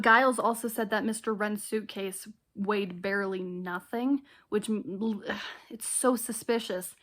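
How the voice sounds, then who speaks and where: A young woman vlogging from her bed, chatty and giggly as she works things out aloud. Her voice sits a little high, and she often breaks into small laughs between thoughts. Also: fairly bright tone. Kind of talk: casual chat. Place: bedroom.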